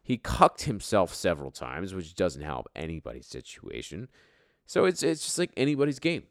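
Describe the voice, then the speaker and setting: A man's voice: low-pitched, wildly swooping pitch, moderate pace, no room sound, clean studio sound. A man hosting an informal fantasy sports top ten countdown show, with profane, bro-style trash talk. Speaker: fantasy football league show host.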